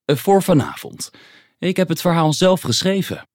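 Narrator putting on a pompous fatherly troll for a storybook; booming, dry close sound. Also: big pitch swings, moderate pace, no echo. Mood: proud. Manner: theatrical, throat-clearing.

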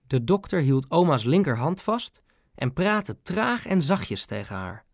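An audiobook narrator telling a children's story with a lively, animated melody. The reading is close-miked and dry. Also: mid-range voice, measured pace, dry recording.

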